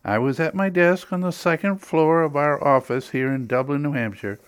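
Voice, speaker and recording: A man's voice: a little high, normal speed, clean tone, dry recording. An older man with a New England accent, narrating a personal anecdote with dry humor as a magazine editor. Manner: wry, dryly humorous. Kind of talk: scripted storytelling narration.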